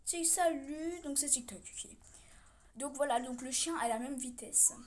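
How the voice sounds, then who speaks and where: A young woman casually commentating her own pet game, cheering loudly at her virtual dog and swearing when she loses. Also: high-pitched, unhurried, slight background noise. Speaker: gaming vlogger.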